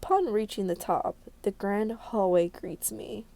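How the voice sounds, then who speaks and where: A woman's voice: medium pitch, measured pace, vocal fry, mellow. A woman reading a visual novel aloud as a game video creator, narrating dramatically and expressively with casual asides.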